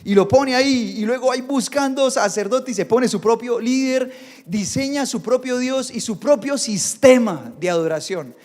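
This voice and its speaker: A male pastor preaching a sermon, animated and acting out the voices he quotes. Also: extremely high pitch, normal speed. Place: church. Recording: church hall reverb.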